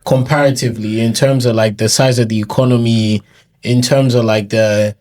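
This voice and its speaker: Co-host, man, average pitch, loose and rambling, fills pauses with filler words. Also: steady tone, darkish tone. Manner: searches for words, many fillers. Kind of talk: casual conversation.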